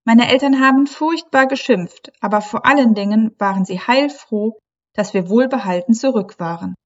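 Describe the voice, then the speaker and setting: Woman doing a little mermaid girl, bubbly and eager, voice pushed up high, kinda muffled audio. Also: normal speed, natural voice. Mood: downcast.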